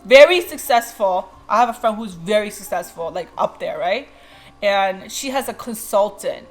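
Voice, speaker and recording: A woman's voice: medium pitch, expressive, normal speed, soft background music. Woman, mukbang vlogger, casual chat while eating, rambling storyteller, laughs easily.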